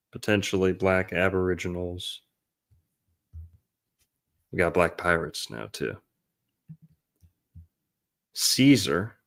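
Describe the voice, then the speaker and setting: A man hosting casual commentary, sometimes reading aloud from text. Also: low-pitched. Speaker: livestream host.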